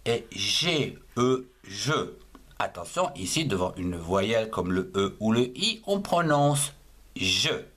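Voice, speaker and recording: A man gives a handwriting lesson for young children, sounding out each word one syllable and one letter at a time. He talks very slowly and deliberately. His pitch rises and falls in a lively, sing-song way. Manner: spells words syllable by syllable, patient and deliberate. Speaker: handwriting teacher. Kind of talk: slow spelled-out writing lesson.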